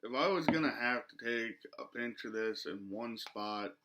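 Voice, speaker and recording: A man's voice: medium pitch, lively intonation, moderate pace, background noise. A man in his twenties chatting casually through a product review, speech slightly muffled by a lip full of dip. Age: 20s. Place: small living room, indoors.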